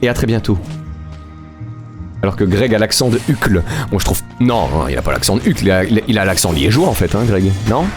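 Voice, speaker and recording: Over game music, a man with a lowish, sing-song voice streams a game at a fairly quick clip. He jokes around casually with viewers and laughs a lot.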